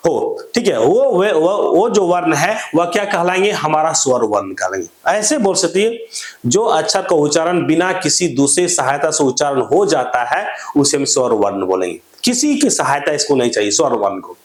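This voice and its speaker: A man with a slightly high, lively voice that rises and falls gives a classroom-style grammar lesson at a normal speed. He repeatedly poses questions, answers them himself, and goes back over each point, all in an echoey, roomy space.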